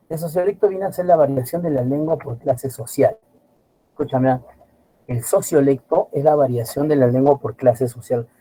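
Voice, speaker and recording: A middle-aged man teaching a class, lively and always asking his students questions. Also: fairly high pitch, slightly rough, rough recording. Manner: animated, asks students constant rhetorical questions. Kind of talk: classroom lecture.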